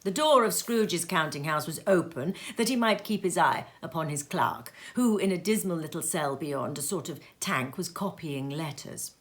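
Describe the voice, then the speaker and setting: At home in her sitting room, a woman reads a classic story aloud with a low-pitched voice, taking it slowly and expressively and sometimes sinking to a whisper.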